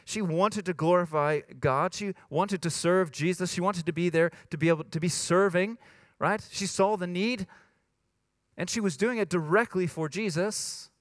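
A man giving a sermon. He drops low and hushed, then rises to high emphatic lines, and puts on a whiny voice to quote complaints. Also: moderate pace, no echo, studio quality. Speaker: pastor.

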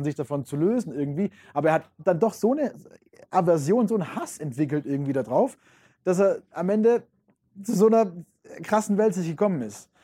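Lecturer, man, high mellow voice, chatty and direct with the audience. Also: husky. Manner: casual, addresses listeners directly, many fillers. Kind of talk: informal lecture.

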